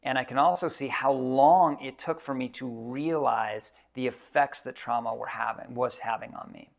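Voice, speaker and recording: A man in his thirties giving a reflective personal storytelling talk as a keynote speaker, halting often with fillers. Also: mid-range voice, gravelly.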